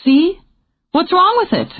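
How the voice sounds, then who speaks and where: Woman reading as an exasperated, animated woman. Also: very high-pitched, measured pace, pitched above the performer's own voice, heavily acted. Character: lively impatient woman redecorating a bookstore. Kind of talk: audiobook character reading. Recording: tinny phone-like audio.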